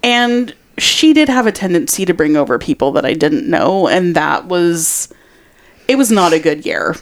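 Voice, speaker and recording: Profane animated woman telling a story. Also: on the low side, moderate pace. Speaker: podcast co-host. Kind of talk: casual chat, storytelling.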